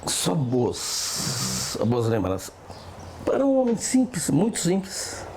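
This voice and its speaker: A man's voice: mid-range voice, huge pitch swings, slow, vocal fry. A man with a Brazilian accent reminiscing casually as an interview guest, often checking in with short tag questions. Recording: faint background noise.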